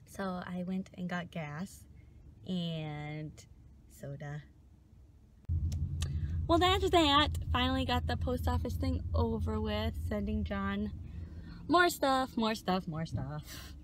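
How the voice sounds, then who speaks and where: A woman's voice: medium pitch, lively intonation, takes it slowly, pauses often. A woman in her twenties chatting casually and playfully to a phone held at arm's length. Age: 20s. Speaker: vlogger. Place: small indoor rooms and parked car. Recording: noisy handheld phone recording.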